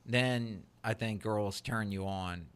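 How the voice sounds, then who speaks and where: A man co-hosting a casual podcast chat, eager and quick to laugh, often cutting in. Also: fairly low pitch, clear, resonant tone. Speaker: podcast co-host.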